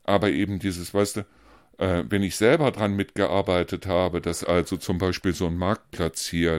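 A man's voice: low voice, smooth, dry recording, clean studio sound. A man co-hosting a podcast in casual conversation, ranting bluntly and heatedly, hammering his points with repetition. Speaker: podcast co-host.

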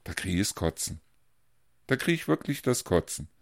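A man's voice: deep voice, big pitch swings, moderate pace, creaky, no room sound, clean studio sound. A man co-hosting a podcast in casual conversation, ranting bluntly and heatedly, hammering his points with repetition. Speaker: podcast co-host.

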